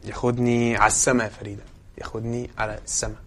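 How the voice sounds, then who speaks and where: An Egyptian woman playing a calm, resigned, devout sibling who has just died, in an amateur stage drama. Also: very deep voice, very fast. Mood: resigned, firm.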